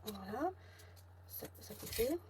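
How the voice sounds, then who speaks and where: Counting her envelopes at home, a southern French woman who vlogs about budgeting mutters figures and sums under her breath as she thinks aloud. She speaks slowly yet animatedly, in a slightly mellow mid-range voice, over clear background noise and clicks.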